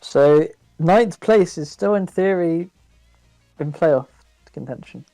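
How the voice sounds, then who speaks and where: A man co-hosting a casual podcast chat over a voice call, talking quickly and chattily. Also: fairly high pitch, mellow, no echo, faint music behind, poor audio. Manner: quick, chatty, laughs easily. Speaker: podcast co-host. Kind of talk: casual chat about a board game.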